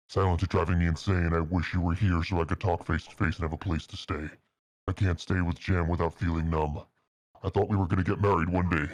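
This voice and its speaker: A man with a low, slightly mellow voice reads fan fiction aloud on a stream, recorded with no room sound. His delivery is mock-earnest and melodramatic, mixing dramatic narration with casual asides.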